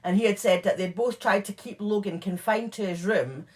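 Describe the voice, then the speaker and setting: A woman's voice: mid-range voice, normal speed. A woman co-hosting a true crime podcast, casually retelling case details with lots of fillers and asides. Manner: chatty, filler-heavy retelling of case notes. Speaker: podcast co-host.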